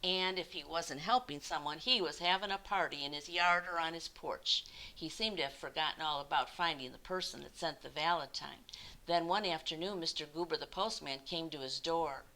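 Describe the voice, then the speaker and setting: An older woman, sixty or more, tells a story to young children in a low voice at a normal pace, animated and kind toward her little listeners. The audio is poor, with a hiss in the background.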